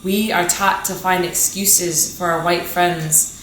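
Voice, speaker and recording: A young adult woman, a student poet, giving a measured, emphatic poetry reading. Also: fairly low pitch, steady tone, a bit bright. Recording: echoey room, faint background noise.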